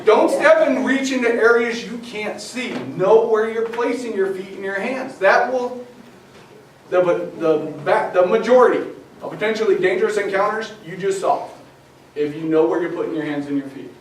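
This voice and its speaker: High-voiced man lecturing in an echoey room. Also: moderate pace, slight background noise. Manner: lively, acts out scenarios with humor. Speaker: wildlife educator giving a public talk. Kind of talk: live public presentation. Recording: echoey room, mic far off.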